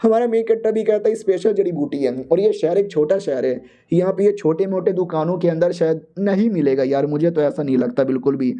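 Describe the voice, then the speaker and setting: A man's voice: sits high, fairly quick, hardly any pauses, dark tone. A man narrating a comic story in a casual, jokey, slang-filled way. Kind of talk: comedic casual story retelling.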